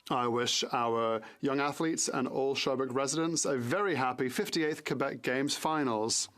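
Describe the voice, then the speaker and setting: A man's voice: mid-range voice, normal speed, fairly bright tone, a little hiss or hum. A man interpreting formal parliamentary statements in prepared, ceremonial language.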